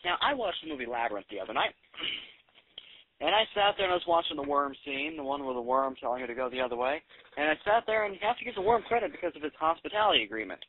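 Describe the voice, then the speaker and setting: A man's voice: a little high, lively intonation, fast, slight background noise. A young man doing a sarcastic, rambling comedy monologue. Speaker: amateur comedian. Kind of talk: stand-up style comedy monologue. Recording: tinny phone-like lo-fi recording.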